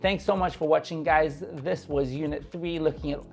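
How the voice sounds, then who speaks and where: A man's voice: fairly high pitch, fairly even intonation, normal speed, darkish tone, faint music behind. A man giving an eager, conversational lecture to camera about journalism and talking straight to viewers. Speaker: journalism instructor.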